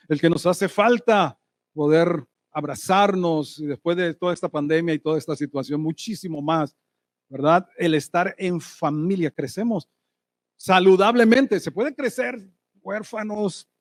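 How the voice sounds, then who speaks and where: A man preaching a sermon as pastor, lively and asking the congregation rhetorical questions. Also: high voice, dry recording. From Colombia. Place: church hall.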